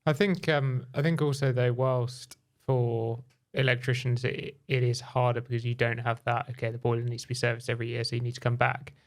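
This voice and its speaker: Male podcast host, clean resonant voice, fairly flat intonation, measured conversational delivery. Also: mid-range voice. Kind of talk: casual interview talk.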